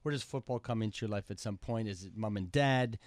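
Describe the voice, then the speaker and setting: A man's voice: lowish voice, brisk, darkish tone, no room sound. A man hosting a radio interview, asking long rambling questions. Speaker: radio show host. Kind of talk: casual interview talk. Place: radio studio. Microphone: studio mic.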